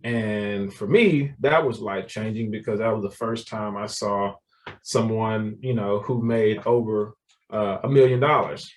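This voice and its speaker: A man's voice: lowish voice, unhurried, far from the mic. Laughing man, mic held back. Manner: animated storyteller, laughs often, repeats words. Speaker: guest, real estate developer. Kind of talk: casual interview talk.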